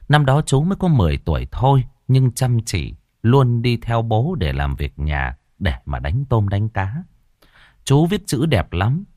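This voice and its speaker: A man narrating a rural ghost story with an expressive, dramatic delivery. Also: medium pitch, no echo, clean studio sound. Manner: expressive, rises and falls dramatically.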